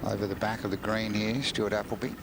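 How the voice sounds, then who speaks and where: A low-voiced man works as a golf commentator, calling play live. His phrasing is measured and analytical, and loud outdoor noise runs behind him. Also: flat delivery. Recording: noisy outdoor sports broadcast sound.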